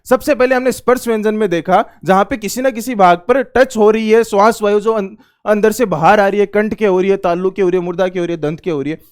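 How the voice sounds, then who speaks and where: A man teaching an online Hindi grammar lesson for exam prep, asking the class questions and then answering them himself. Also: high-pitched. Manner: stresses exam questions and tells students to take notes.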